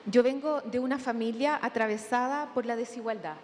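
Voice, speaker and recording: A woman from Chile with a Chilean accent, giving a measured academic conference talk with thoughtful pauses in a large hall. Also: on the high side, darkish tone. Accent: Chilean Spanish. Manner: measured, deliberate, with thinking pauses. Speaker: conference speaker. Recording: long hall reverb, faint room noise.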